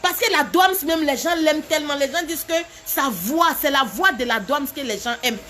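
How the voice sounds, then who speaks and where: A woman's voice: sits high, a little fast, bright, forceful tone. A woman, talking straight to her viewers on a live stream, emphatic and repetitive, laughing between phrases. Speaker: live video host.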